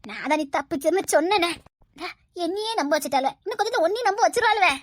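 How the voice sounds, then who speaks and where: A woman's voice: very high voice, animated, quick pace, no echo. A woman playing a scheming mother-in-law who scolds her son, in a Tirunelveli Tamil accent. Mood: scolding. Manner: sly, scolding.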